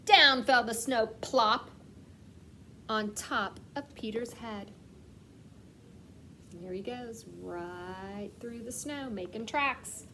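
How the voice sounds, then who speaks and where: Like a kindergarten teacher, a woman with a fairly high voice reads a picture book aloud, slowing down to stress words expressively. She puts questions to the children and pauses as though they're answering. The background is free of noise.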